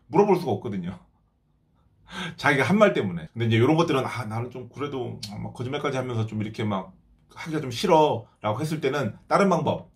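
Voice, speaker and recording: A Korean man in his thirties hosts an advice talk for viewers, his pitch leaping about as he acts out the remarks he quotes. He talks quickly and keeps the delivery animated throughout. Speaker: host.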